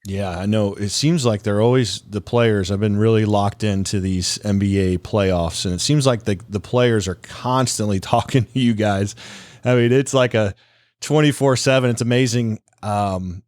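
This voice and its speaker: A man's voice: on the low side, darkish tone, no echo. Chatty male podcast host, dry sound. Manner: chatty, rambling questions with restarts. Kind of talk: casual interview questions.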